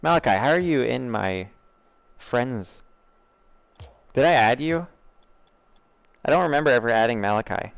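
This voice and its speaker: Animated but given to long pauses, this young American's mid-range voice carries vocal fry at a moderate pace, with no echo. In a General American accent, he laughs and chats loosely with his chat over a game stream.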